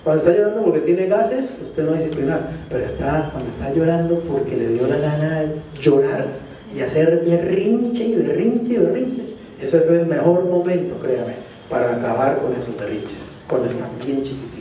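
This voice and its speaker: Echoey Colombian pastor preaching from afar. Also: male voice, a little high, moderate pace, a little hiss or hum. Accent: Colombian Spanish. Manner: animated, questions the congregation often. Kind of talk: sermon. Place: church hall. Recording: very echoey church hall, distant mic.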